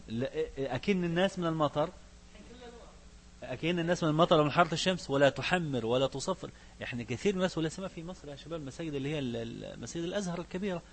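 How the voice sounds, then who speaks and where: A man with an Egyptian accent leads a religious lesson at a quick clip, moving from classical recitation to colloquial explanation. He quizzes the students as he goes, and a faint hum sits under his voice. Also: medium pitch. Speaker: sheikh teaching a fiqh book.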